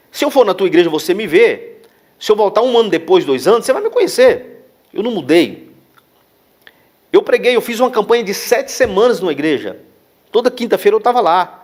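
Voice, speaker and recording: A pastor tells his story from the pulpit in a fairly high voice. He swings between hushed, near-whispered passages and sudden raised emphasis. The delivery is emotional and earnest throughout. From Brazil. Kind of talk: testimony sermon.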